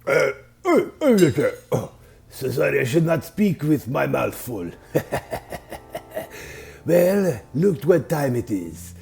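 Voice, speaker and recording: A suave, flamboyant shark husband voiced by a man hams his way through a fancy dinner. The voice is deep-set and heavily gravelly, drawn out slowly with wide swings in pitch, over light music in a comedy sketch. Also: big pitch swings, mellow, exaggerated voice. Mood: showy.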